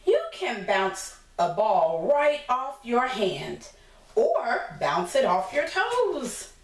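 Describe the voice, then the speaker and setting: Speaking extremely slowly, with big swings in her slightly high pitch, an American woman in her thirties reads aloud to young children as their preschool teacher. She encourages them and asks simple questions. A distant mic in a small, plainly decorated room yields roomy echo and clear background noise.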